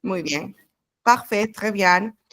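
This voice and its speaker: A woman's voice: medium pitch, slow, fairly bright tone, no echo, clean studio sound. A woman teaching an introductory French class online, explaining step by step in a patient way over a video call.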